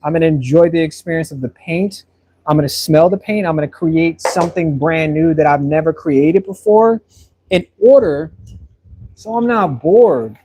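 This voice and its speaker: A man in his thirties talks casually while he paints and answers viewers. His voice sits a little high for a man. He rambles in a friendly way and often repeats words as he searches for what to say next. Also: normal speed, warm tone, a little hiss or hum. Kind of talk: casual live-stream chat while painting.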